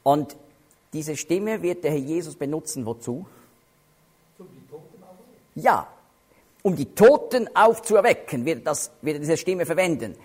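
A man teaching through Bible passages in a sermon style, emphatic and expressive, shifting his pace and loudness to stress points. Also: on the high side, normal speed, long pauses.

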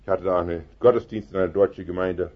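A man preaching an evangelistic sermon, fervent and penetrating, dropping soft and then rising to loud emphatic cries. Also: low-pitched, fairly even intonation, quick pace, lo-fi sound.

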